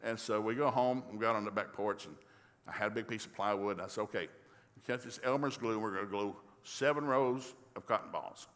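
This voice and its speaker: A middle-aged man preaching in a church, telling a folksy, humorous story and acting out the dialogue in lively voices. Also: fairly low pitch, a little fast. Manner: folksy, animated, acts out dialogue. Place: church sanctuary. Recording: long reverb of a large hall.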